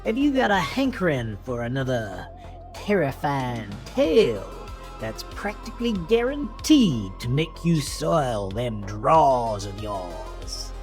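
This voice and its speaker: A man's voice: medium pitch, big pitch swings, slow pace, faint music behind. A man playing a gleeful, menacing horror-host uncle in an audio drama, with a hammy, folksy drawl. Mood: mock-friendly menace. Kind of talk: theatrical 80s horror-host introduction.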